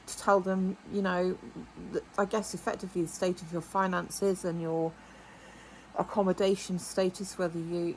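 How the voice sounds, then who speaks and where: Brief: middle-aged English woman vlogger, mid pitch, rambling and indignant, faint hum of room ambience behind. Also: low-quality recording. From England. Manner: rambling, indignant, with many asides and quoted dialogue. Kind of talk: casual storytelling monologue.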